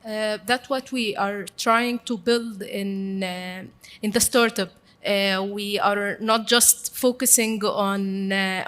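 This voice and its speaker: Slow, high-voiced woman founder, hesitant panelist. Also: a bit bright. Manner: hesitant, many fillers. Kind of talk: panel discussion.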